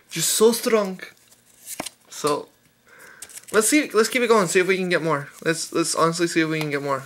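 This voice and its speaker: Male YouTuber, upbeat pack-opening commentary, bright tense tone, light background hiss. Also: a little high. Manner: rapid-fire listing of card names, enthusiastic. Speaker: YouTuber opening trading card packs. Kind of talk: casual card-opening commentary.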